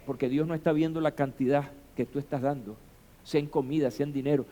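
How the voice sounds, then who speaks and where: A man preaching a sermon as pastor, building to shouted emphasis and rhetorical questions. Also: fairly high pitch, steady tone, fairly quick.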